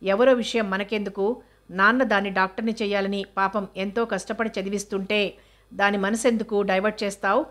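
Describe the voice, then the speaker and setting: Woman doing a stern elder sister, protective, firm scolding, level monotone. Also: medium pitch, a little fast, natural voice.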